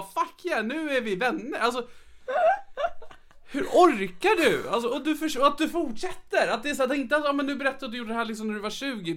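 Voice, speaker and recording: A man's voice: extremely high pitch, background noise. A man co-hosting a casual podcast who reacts to stories with dry, teasing disbelief. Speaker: podcast co-host and editor.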